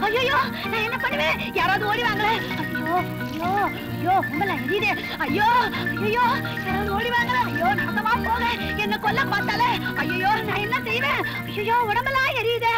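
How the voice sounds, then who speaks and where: An actress playing a quarrelsome village woman who wails and scolds loudly in a film drama. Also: expressive, normal speed, long pauses, loud music behind the voice. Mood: wailing. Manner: shrill, wailing and scolding.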